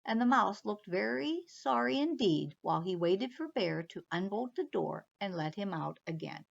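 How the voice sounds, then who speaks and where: A woman's voice: mid-range voice, expressive, normal speed, creaky, highs cut off. A woman librarian reading a picture book aloud expressively for children, stopping to talk to them directly.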